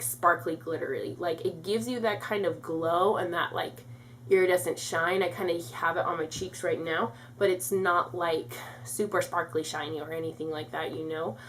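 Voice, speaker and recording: A woman's voice: lowish voice, fairly bright tone, a little hiss or hum. A young woman reviewing her favorite beauty products in a chatty way, full of "like", congested and a bit out of breath. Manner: chatty, lots of "like" fillers. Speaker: beauty vlogger.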